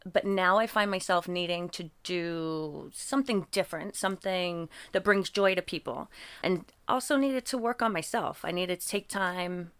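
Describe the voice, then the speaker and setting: An English woman, an artist appearing as a podcast guest, chats casually with a mostly American accent that shows occasional English traces. Her voice is fairly low, clear and resonant with a fairly bright tone, and she speaks at a moderate pace.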